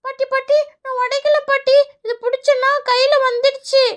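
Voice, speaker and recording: A woman voicing an excitable little girl in a children's cartoon, pleading and eager. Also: very high-pitched, measured pace, heavily acted. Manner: excited, pleading, repeats "paati, paati".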